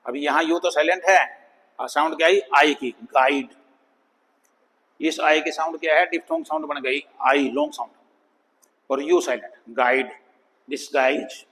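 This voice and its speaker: A man teaching an English phonics lesson, sounding out words slowly and repeating them for students. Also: fairly high pitch, a bit bright, husky, big-room sound, poor audio. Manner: slow, drawn-out demonstration of words, calls students "bhai".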